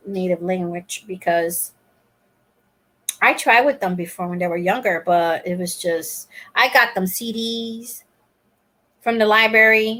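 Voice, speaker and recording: An older Puerto Rican woman who hosts a crochet channel chats casually on a live stream, rambling with many fillers and restarts. Her voice is medium in pitch and a bit bright.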